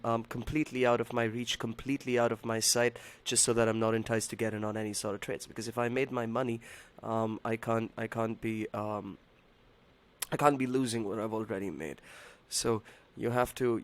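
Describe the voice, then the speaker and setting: A man hosting a trading livestream, talking casually and haltingly to his viewers in a hoarse voice that sounds unwell. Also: medium pitch. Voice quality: hoarse, strained voice. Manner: halting, repeats himself, addresses viewers as buddy and man. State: unwell, voice not as usual. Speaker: live trading stream host.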